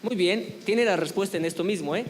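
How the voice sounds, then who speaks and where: A man's voice: high voice, a little fast, big-room sound, slight background noise. A man teaching a church youth group, speaking conversationally and often asking the group questions. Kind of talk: church youth lesson on apologetics. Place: church meeting room.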